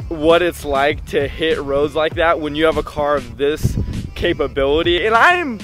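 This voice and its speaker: A man's voice: fairly high pitch, fairly bright tone. A young man talking like a rowdy frat bro, slangy and profane, hosting a casual hyped car vlog. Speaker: host of a car review vlog. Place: outdoors and in a car on back roads.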